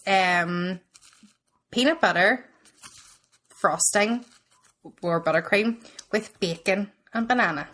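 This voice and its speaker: A woman with a Northern Irish accent co-hosting a podcast, chatty and giggly, often pausing on fillers. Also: medium pitch, a bit bright. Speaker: podcast co-host. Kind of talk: casual chat.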